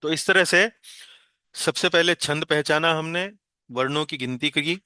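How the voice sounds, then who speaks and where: A man teaching an online class on a Sanskrit verse, explaining patiently with many hesitations and chanting the words slowly. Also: on the high side, bright, forceful tone, clean tone, no room sound, studio quality.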